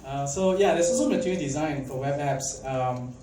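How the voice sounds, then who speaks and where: A young man from Malaysia with a fairly high-pitched voice speaks at normal speed in a casual talk at a tech conference. Chatty and filler-heavy, he often asks the audience questions. The recording has the echo of a conference hall, a mic placed at a distance, and faint background noise.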